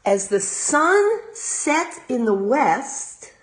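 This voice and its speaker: With a high-pitched voice, an American woman who teaches young children reads a storybook aloud. She reads expressively and pauses to offer simple explanations.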